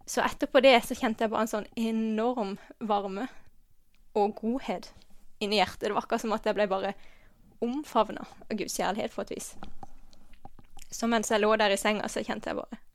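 Give me a woman sharing a faith testimony in a halting, earnest way, with a touch of fry in her voice. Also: on the high side, steady tone, dry recording. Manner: halting, many pauses and restarts, quietly earnest; drops to a soft whisper at tender moments. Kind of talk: personal testimony, spoken from memory.

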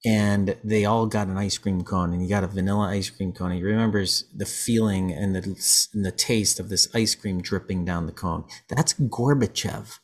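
A man's voice: on the low side, gravelly. A man hosting a podcast, telling stories in casual chat, rambling with many restarts. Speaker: podcast host.

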